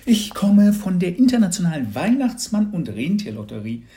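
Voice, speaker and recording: Over-the-top lottery lady in disguise, shrill and gushing, storybook; male reader. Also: big pitch swings, moderate pace, mellow. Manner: effusive, shrill, theatrical.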